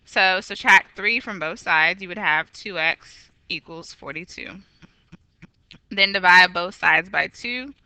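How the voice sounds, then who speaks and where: A woman's voice: on the low side, slow, pushed and bright, clear, resonant tone, no echo, low-quality recording. A woman teaching a recorded geometry lesson, walking through problems patiently and correcting herself aloud. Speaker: math teacher.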